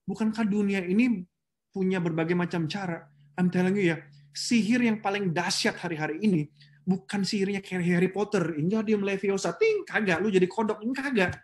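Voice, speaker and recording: A man preaching a youth sermon in a lively, casual way, mixing English phrases into his talk and speaking straight to the audience. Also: high-pitched. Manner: acts out little dialogues and speaks straight to the audience.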